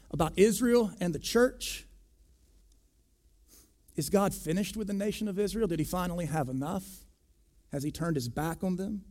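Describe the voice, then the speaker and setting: A pastor preaching a sermon, deliberate and emphatic, pressing hard on key words. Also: male voice, high-pitched, a little mellow.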